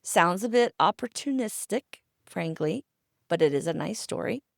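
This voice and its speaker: Woman podcast host, low-ish voice, relaxed conversational storyteller, dry close sound. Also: normal speed, vocal fry, no echo. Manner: chatty and conversational, with asides. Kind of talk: casual history storytelling.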